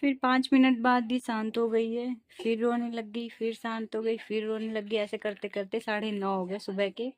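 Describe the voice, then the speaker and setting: A woman's voice: a little high, little pitch movement, moderate pace, few pauses, no echo. A young woman, a mother, talking casually to her viewers at home about her baby's nights, now and then cooing to the child. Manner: soothing sing-song coaxing to her baby. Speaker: mother vlogging her day. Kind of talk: casual home vlog talk.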